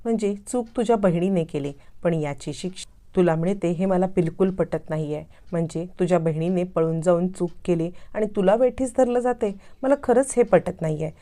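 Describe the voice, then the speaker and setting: A woman's voice: on the low side, normal speed, warm tone, natural voice. Woman reading as an earnest young brother-in-law. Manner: earnest, reassuring.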